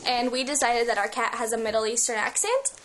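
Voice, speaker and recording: High-voiced young woman chatting and giggling at home, camera mic, bit of hiss. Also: brisk, a bit bright. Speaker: video blogger. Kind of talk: casual late-night home video chat. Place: at home, indoors. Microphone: handheld camera mic.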